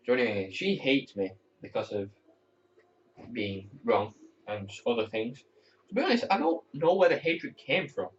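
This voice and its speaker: An air cadet in his teens talks to the camera at home, rambling openly and swearing every so often out of annoyance. His mid-range voice has lively intonation and a normal speed, but the distant mic leaves the audio dull and muffled.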